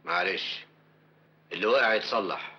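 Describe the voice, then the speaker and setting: An actor playing a protective neighbor with an Egyptian accent, speaking firmly and reassuringly in a classic film. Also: male voice, fairly low pitch, moderate pace, close to an everyday voice. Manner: reassuring, firm, threatening on others' behalf. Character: protective neighbor man, tough and loyal. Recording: dull old film soundtrack.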